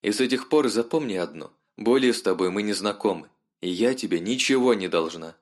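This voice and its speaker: A man's voice: on the low side, expressive, a little fast. A man voicing a sly, mocking noblewoman who talks down to her caller.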